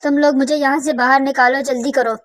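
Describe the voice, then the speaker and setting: A woman's voice: sits high, level tone, natural voice. A woman voicing a terrified male prisoner who cries and pleads to be let out, in a cartoon story. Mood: panicked, pleading. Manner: pleading, crying out.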